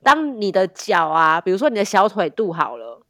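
A woman's voice: mid-range voice, very animated, moderate pace, a bit bright, no room sound, studio quality. A woman co-hosting a casual chat, explaining things plainly and then cracking jokes. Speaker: podcast co-host.

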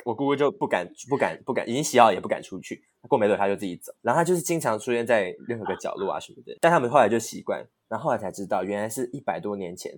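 Male podcast co-host, fast-paced, animated ghost-story teller. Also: lowish voice. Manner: animated storyteller, frequent laughter. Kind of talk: casual ghost-story telling.

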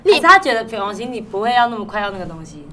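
A woman in casual chat, reacting and chiming in quickly. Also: a little high, very animated, sharp tone, slight background noise.

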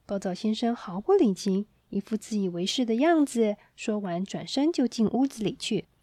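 A woman storyteller reading a children's story aloud in a gentle, expressive way, on a close mic. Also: medium pitch, normal speed, no room sound.

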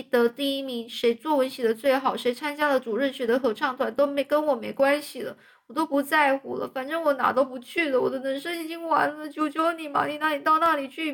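A dramatic, talkative orphan girl, put on by a woman in a storybook reading, her voice pitched high and emotional. She pleads and tumbles through long runs of words. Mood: despairing.

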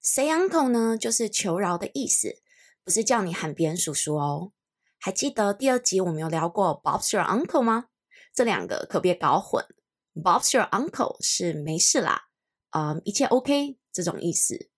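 Woman, young adult, podcast English teacher; lowish voice with lively swings, patient and slow when modeling phrases. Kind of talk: podcast pronunciation lesson.

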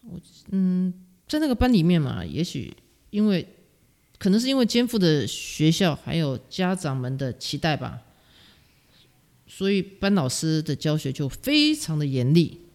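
Speaking at a measured pace in a low voice, a middle-aged Taiwanese woman with a Taiwanese Mandarin accent recounts stories as a guest in a casual interview. She's a music teacher, animated and self-deprecating, and laughs a lot.

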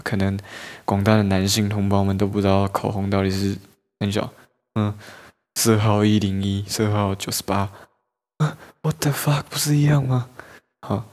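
A young man talks to his listeners in a fairly low voice. He tells stories on himself in a loose, chatty monologue and often breaks into laughter. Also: a little mellow. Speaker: podcast host. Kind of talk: casual storytelling monologue.

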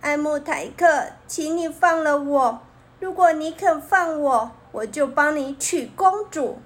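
A woman's voice: high-pitched, big pitch swings, slow, heavily acted. A woman voicing a sly, clever young male fox in a children's story, coaxing and boastful. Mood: pleading.

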